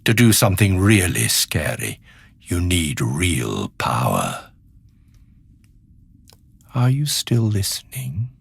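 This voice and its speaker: An actor playing a decaying, skeletal alien villain in an audio drama monologue, charming, sinister and self-pitying, confiding in the listener with sardonic relish. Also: male voice, sits low, very animated, creaky, breathy edge, full character voice. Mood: dark, threatening, then conspiratorial. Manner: theatrical, confiding, sardonic, drawn-out menacing phrases.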